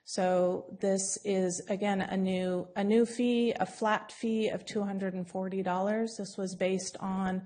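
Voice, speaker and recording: A woman on city staff giving a formal presentation to a council, explaining in a measured way with frequent ums. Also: medium pitch, fairly even intonation, dark tone.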